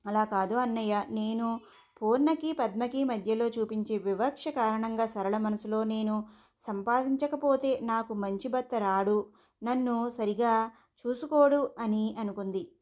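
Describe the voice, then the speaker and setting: A woman's voice: on the high side, unhurried, darkish tone, close to an everyday voice. A woman voicing an older woman who speaks in a pleading, regretful way. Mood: remorseful. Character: older woman, remorseful and apologetic.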